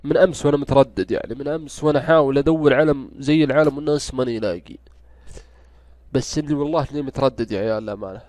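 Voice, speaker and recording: A man's voice: medium pitch, very fast, a little mellow, no room sound. A man with a Saudi accent and a stuffy nose from a cold, rambling and grumbling through casual gameplay commentary as a gaming YouTuber. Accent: Saudi Gulf Arabic. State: congested, stuffy-nosed from a cold.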